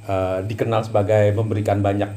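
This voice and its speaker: A male podcast host in a casual interview, agreeable and full of short affirmations and fillers as he builds his questions. His voice is low and warm, with a dark, mellow tone. Faint ambience sits behind him. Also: flat delivery, a little fast, a little hiss or hum.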